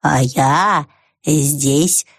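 A woman playing a very slow, calm snail. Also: low voice, dry recording, studio quality, exaggerated voice. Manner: very slow, drawn out, quiet.

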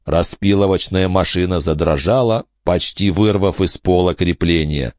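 A man's voice: sits low, darkish tone, dry recording, studio quality. A man reading a horror audiobook as narrator, telling the story expressively.

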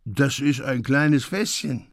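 A man voicing a drunk, dreamy young fisherman who talks slowly in a slurred, singsong way. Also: medium pitch, gravelly, no echo, studio quality.

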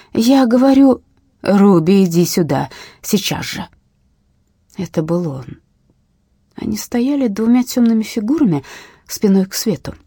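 Woman, audiobook narrator, first-person reading, expressive, lively melody, dry sound. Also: lowish voice, breathy edge, dry recording. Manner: expressive, drops to a whisper in tense moments.

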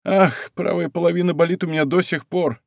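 A man's voice: high voice, steady tone, fairly quick, vocal fry, no room sound, clean studio sound, pitched above the performer's own voice. A man doing a cautious, grumbling manservant. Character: cautious male servant to a musketeer.

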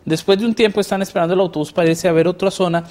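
A man hosting a relaxed Bible lesson discussion, chatting and asking leading questions. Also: sits high, very fast. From not from Mexico. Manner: conversational, asks leading questions. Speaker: host.

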